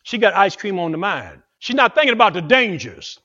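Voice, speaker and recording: A male preacher with a high, very lively voice tells a story in a sermon, dramatically and with much repetition. The recording is slightly muffled. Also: brisk.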